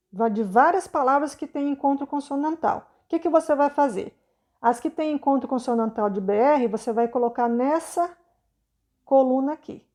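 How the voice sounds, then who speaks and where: Patient Brazilian teacher, high mellow voice. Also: female voice. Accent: Brazilian Portuguese. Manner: patient, repeats tag questions, sounds words out slowly. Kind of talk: explanatory lesson for children.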